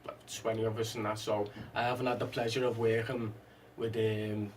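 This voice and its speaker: Male actor guest, flat delivery, slightly off-mic with faint room sound. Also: on the low side, normal speed, distant mic, slight background noise. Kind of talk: casual interview chat.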